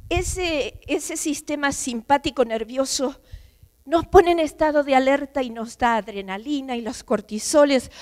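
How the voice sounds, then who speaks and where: A woman, a pastor's wife, giving an emotional, emphatic sermon testimony, quoting voices as she tells her story in a church. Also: high voice. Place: church sanctuary. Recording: long church hall reverb.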